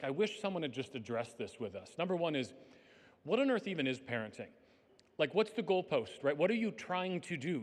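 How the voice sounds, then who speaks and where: A man giving an earnest, conversational faith-based talk to educators, his voice a little worn from days of speaking. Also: a little high. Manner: conversational, earnest, numbered points. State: tired, slightly worn voice. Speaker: conference speaker. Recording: long hall reverb.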